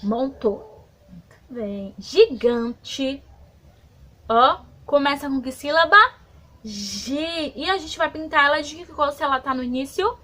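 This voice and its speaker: A woman with a Brazilian accent teaching young children in an online lesson, stretching words slowly and asking many questions. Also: sits high, animated, pushed and bright. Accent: Brazilian Portuguese. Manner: slow, drawn-out words for small children. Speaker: preschool teacher.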